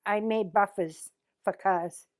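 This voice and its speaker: A woman's voice: mid-range voice, steady tone, slow, no room sound, studio quality. A woman in her seventies from East Boston with a Boston accent and a plainspoken manner. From East Boston, Massachusetts, USA. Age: 70s. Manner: plainspoken, short blunt answers. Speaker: interviewee. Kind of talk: reading test sentences and answering interview questions.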